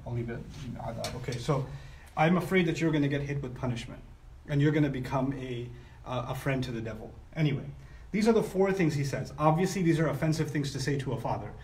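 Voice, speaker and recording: A man teaching a structural lesson on scripture, animated and often voicing the speakers of the story as he explains. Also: a little high, quick pace, recorded from a distance. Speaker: Quran teacher. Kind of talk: lecture on scripture. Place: broadcast live online.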